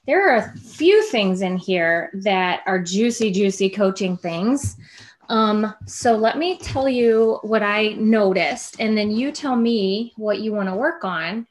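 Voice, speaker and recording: Upbeat reassuring woman coach. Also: mid-range voice. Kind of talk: group coaching session.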